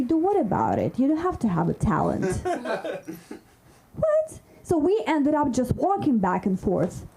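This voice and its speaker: Slow-talking Kazakh woman doing stand-up. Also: high-pitched, mellow, a little hiss or hum, rough recording. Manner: teasing, chats with the crowd. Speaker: stand-up comedian. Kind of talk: stand-up comedy set. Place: comedy club stage.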